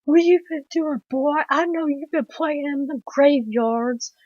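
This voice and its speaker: Woman putting on a gruff old backwoods cook. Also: high-pitched, unhurried, darkish tone, no echo, lo-fi sound, pitched above the performer's own voice. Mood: scolding.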